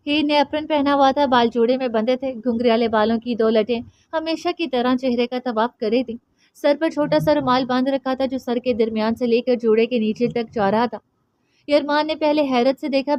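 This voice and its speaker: A woman narrating a romance novel audiobook in an expressive, dramatic storytelling manner. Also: high-pitched, dry recording. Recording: dry, slightly dull audio.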